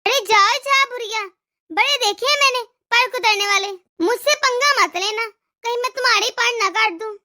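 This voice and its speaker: Woman voicing an arrogant cartoon wife, very high, piercing, taunting, boastful. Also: normal speed, sharp tone, heavily acted. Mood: defiant. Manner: taunting, sneering. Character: arrogant lazy young wife, scornful and boastful.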